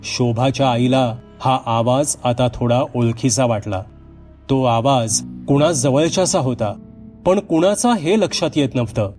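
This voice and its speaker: A male storyteller reading a horror bedtime tale in a dramatic, steady manner. His voice sits at a middle pitch, and soft music plays faintly underneath. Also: unhurried. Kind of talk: scripted horror story narration.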